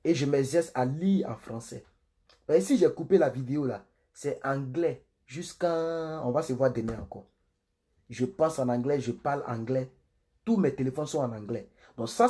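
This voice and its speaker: A man reading the Bible on a livestream and commenting between passages, slow and solemn in the readings and quick and chatty in his asides to viewers. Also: fairly high pitch, mellow. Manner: chatty, repeatedly urging viewers to share. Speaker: Bible reader and preacher.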